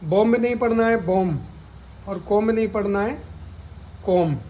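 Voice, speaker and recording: A man's voice: high voice, steady tone, a little mellow, slight background noise, low-quality recording. A man teaching a lesson, spelling out letters one by one and asking and answering his own questions. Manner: repeats key words and asks then answers his own questions; deliberate, drawn-out spelling of letters. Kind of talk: slow spoken lesson.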